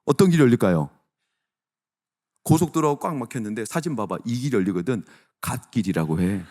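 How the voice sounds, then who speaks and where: A middle-aged male pastor preaching a sermon, animated and repeatedly asking the congregation direct questions. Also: mid-range voice, brisk.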